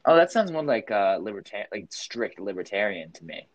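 A man's voice: fairly low pitch, sing-song, normal speed, no room sound, muffled recording. A young man chatting casually with a friend, rambling and restarting his sentences, laughing easily. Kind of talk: casual chat.

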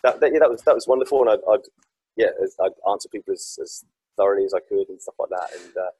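Fast-talking, very husky Englishman. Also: on the low side, dry recording, rough recording. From South East England. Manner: animated, self-deprecating storytelling. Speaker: podcast guest, author. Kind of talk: casual podcast chat.

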